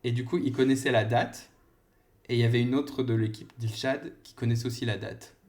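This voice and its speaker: A man's voice: medium pitch, fairly even intonation, a little fast, darkish tone. A man co-hosting a casual podcast, telling a story in a rambling way with fillers and self-corrections. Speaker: podcast co-host. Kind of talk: casual chat. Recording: echoey room.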